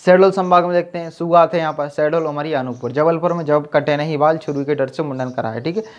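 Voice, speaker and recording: Male tutor, fairly high voice on a muffled recording, drills lists with constant check-ins. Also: fast talker. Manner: repeats "ठीक है" and quizzes the viewer. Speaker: teacher. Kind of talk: exam-prep lesson with memory tricks. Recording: dull lo-fi sound.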